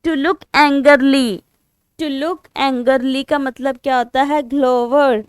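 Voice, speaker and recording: High-voiced Indian woman teaching spelling. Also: fairly even intonation, drawn-out words, dry recording, clean studio sound. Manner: counts aloud and spells words letter by letter; mixes Hindi and English. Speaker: English teacher for exam prep. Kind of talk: online spelling lesson.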